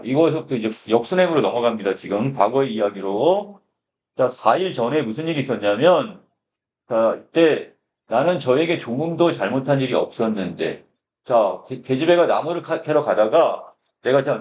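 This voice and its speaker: A man's voice: mid-range voice, darkish tone. Guy teaching lit, keeps asking questions n answering them, kinda muffled lo-fi audio. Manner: starts phrases with a repeated filler, asks questions and answers them himself. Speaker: literature teacher. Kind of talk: lecture explaining a short story. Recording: dull lo-fi sound.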